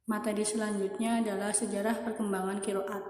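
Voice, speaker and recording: A young woman, a university student, reading lesson material aloud from a script at a steady, even pace. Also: mid-range voice, a little fast. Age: young adult. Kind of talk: read-aloud lesson narration. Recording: echoey room with long reverb.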